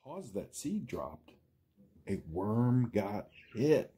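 A man reads a children's picture book aloud, speaking straight to the kids the way a schoolteacher would. His fairly low, sing-song voice stretches words theatrically and leans on dramatic pauses.

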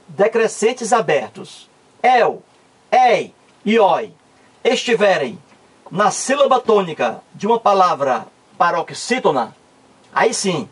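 This high-pitched, slightly rough male voice belongs to a teacher from Ceará in northeastern Brazil, who has a Cearense Brazilian Portuguese accent. He works through a grammar lesson, repeating points emphatically again and again.

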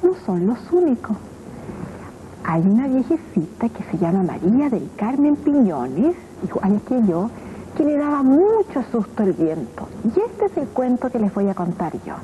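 Animated woman telling a story. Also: on the high side, moderate pace, a little hiss or hum. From Chile. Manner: expressive, sing-song reading. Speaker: children's TV storyteller. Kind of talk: rhyming storybook narration. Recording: lo-fi old TV tape audio.

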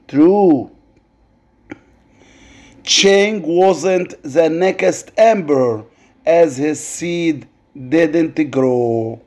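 A male English teacher with an Egyptian Arabic accent, explaining a lesson to children and reading words slowly and carefully. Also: high-pitched, a little mellow. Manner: slow careful word-by-word reading, drawn-out model pronunciation.

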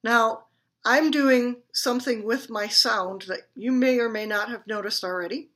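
A woman's voice: on the high side, a little slow, fairly bright tone. A woman teaching beginner clarinet, explaining and demonstrating in a friendly, chatty way and laughing at her own slips. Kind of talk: instructional demonstration.

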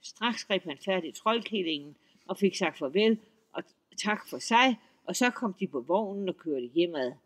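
High-voiced man telling a folk tale. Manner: lively, expressive storytelling. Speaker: storyteller. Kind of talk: audiobook reading of a Danish folk tale.

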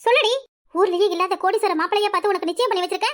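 A woman voicing a domineering, scheming middle-aged village mother in a cartoon, with a Kanyakumari Tamil accent, scolding fast and loud. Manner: shrill, scolding, fast, rising to yells. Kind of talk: cartoon voice acting.

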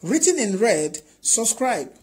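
A woman's voice: a little high, big pitch swings, slow pace, darkish tone, husky, poor audio. A woman presenting news from Nigeria, reading a report and then giving indignant commentary with rising rhetorical questions.

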